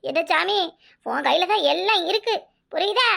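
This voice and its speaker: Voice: very high-pitched, lively intonation, normal speed, vocal fry, pushed and bright, exaggerated voice. A performer voicing a scheming, bossy older village mother in a cartoon, with a Kanyakumari Tamil accent and a coaxing, theatrical manner. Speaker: cartoon character. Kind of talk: comic cartoon voice acting.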